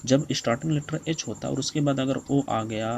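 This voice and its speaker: A young man teaching an English grammar lesson in Hindi, who calls his viewers "friends" again and again and reads the English rules out slowly. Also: mid-range voice, gravelly, darkish tone, a little hiss or hum, low-quality recording. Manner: repeats "friends" often, explains slowly.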